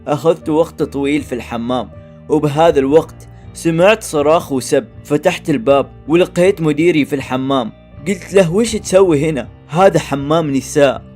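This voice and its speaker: A man's voice: on the high side, darkish tone. Man telling a dramatic story. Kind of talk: first-person dramatic story narration. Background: faint background music.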